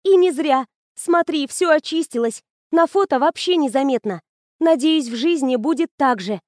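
A woman's voice: sits high, normal speed, no echo, clean studio sound, voice pushed up. A woman reading the lines of a shy, smitten young woman student in an audiobook. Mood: excited. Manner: bashful, flustered, excited.

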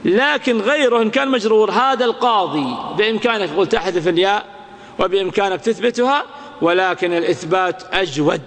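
A male grammar teacher giving a classroom lecture. He chants lines of verse slowly, then explains them with worked examples and quick questions to his students. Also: sits high, fairly bright tone. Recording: long hall reverb.

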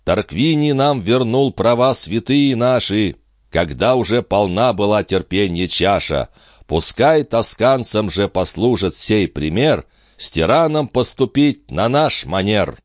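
A man voicing a Roman consul on stage, slowly declaiming stately verse. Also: on the low side, animated, no room sound, clean studio sound, voice pushed up.

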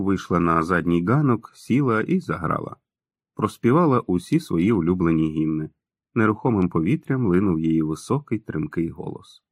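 A man narrating an audiobook in a calm, even storytelling manner. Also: low voice, dry recording, clean studio sound. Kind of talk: scripted narration.

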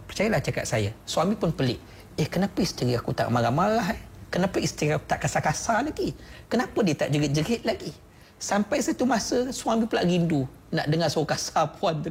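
A man's voice: on the high side, gravelly, a little hiss or hum. A man with a Malaysian Malay accent giving a persuasive motivational talk on the radio, speaking straight to the listener with repeated questions. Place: radio studio.

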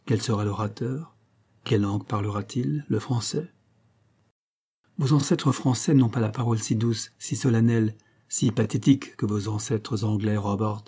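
A man with a mellow, dark, slightly husky voice narrates a classic novel in a measured, literary way. He moves between the characters' dialogue with gentle changes of tone while keeping his own voice. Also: medium pitch. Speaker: audiobook narrator.

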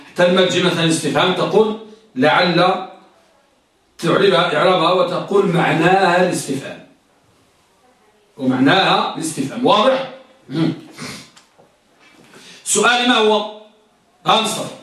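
A man's voice: high voice, a bit bright, far from the mic. A man teaching a grammar class, quizzing his students and repeating each point until it sticks. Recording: echoey classroom recorded from afar.

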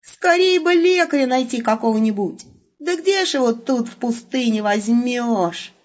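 Woman playing a blunt, gruff Wolf. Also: on the high side, lively intonation, voice pushed up, natural voice. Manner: blunt, gruff, quick-tempered. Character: blunt, grumpy young male companion called the Wolf. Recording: muffled lo-fi recording.

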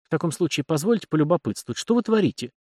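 A man's voice: a little high, big pitch swings, very fast, dark tone, no echo, studio quality, voice pushed up. A man voicing a smug, overly polite young officer in a storybook reading, flowery and ingratiating.

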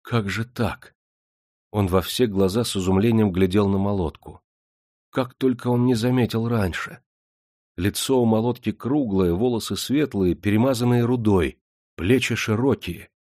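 A man narrating an audiobook in a steady, measured storytelling manner. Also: on the low side, no room sound, studio quality. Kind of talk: scripted narration.

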